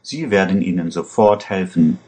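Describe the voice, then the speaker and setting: A man's voice: deep voice, moderate pace, warm tone. A man reading a story aloud, voicing an armed man who speaks curtly and threateningly. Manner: curt, threatening. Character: tense armed man in brown shoes.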